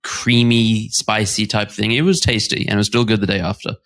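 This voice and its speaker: A man's voice: fairly low pitch, flat delivery, a little fast, vocal fry, a bit bright. A man co-hosting a podcast in casual chat, rambling with restarts and laughing often. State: recovering from covid. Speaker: podcast co-host.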